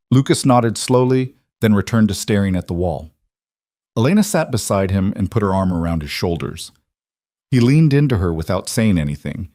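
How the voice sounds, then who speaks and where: A man narrating a dramatic story in a measured storytelling style. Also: sits low, dark tone, no room sound, studio quality. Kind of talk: scripted narration.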